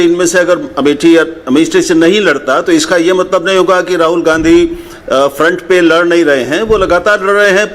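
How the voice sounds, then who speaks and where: An older man commenting on a TV panel, speaking in a measured way with frequent pauses and "uh". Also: on the high side, slight background noise. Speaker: political commentator. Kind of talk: TV panel discussion.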